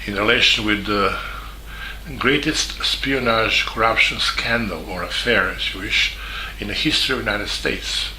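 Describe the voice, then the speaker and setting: A man speaks English with a Serbian accent, his voice low in pitch yet strikingly bright and edged. He talks haltingly, stopping often and restarting his sentences. The recording sounds echoey, with a faint room hum behind him. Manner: halting, with many fillers and restarts. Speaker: journalist. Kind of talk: spoken statement.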